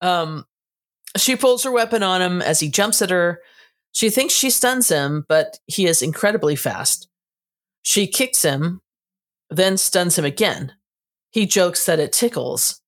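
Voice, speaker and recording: A woman co-hosting a casual book review podcast, giving a steady, matter-of-fact plot recap. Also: lowish voice, unhurried. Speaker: podcast co-host.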